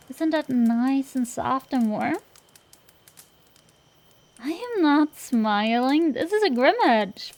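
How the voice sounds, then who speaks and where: In an intimate fantasy audio roleplay, a woman voices a tsundere dragon-girl sorceress, speaking unhurriedly in a slightly high, somewhat mellow voice. She blusters and teases like a tomboyish gambler, flustering easily, with fondness beneath the teasing.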